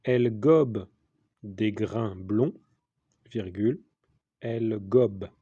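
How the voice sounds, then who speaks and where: A man is dictating like a schoolteacher, in a fairly low, slightly husky voice. He goes extremely slowly, phrase by phrase, repeating each piece and naming the punctuation. The recording is dull and lo-fi. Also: warm tone, dry recording. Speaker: teacher giving a dictation. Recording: dull lo-fi sound.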